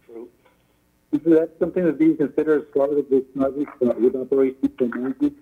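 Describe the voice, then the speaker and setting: A man's voice: mid-range voice, fast, breathy edge. A man on staff giving a formal, prepared report at a board meeting, speaking politely and deferentially, heard over a phone line that keeps breaking up. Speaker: utility staff member presenting a report.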